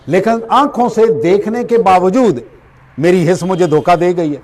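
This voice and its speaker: A middle-aged man delivers a spiritual lecture in a high-pitched voice. He works through everyday examples and poses questions that he then answers himself. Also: darkish tone. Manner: explains with everyday examples, asks and answers his own questions. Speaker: religious speaker.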